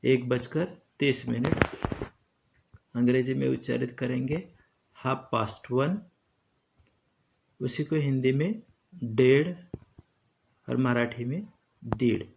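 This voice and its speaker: A man teaching a lesson slowly and deliberately, repeating each term as he explains it. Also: medium pitch, creaky, darkish tone, slight background noise.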